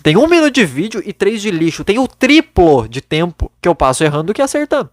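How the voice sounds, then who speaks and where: A man's voice: high voice, sing-song, fast, no echo, studio quality. A young man hosting a podcast from his bedroom, giving blunt, casual advice into a microphone and swearing freely. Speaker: podcast host.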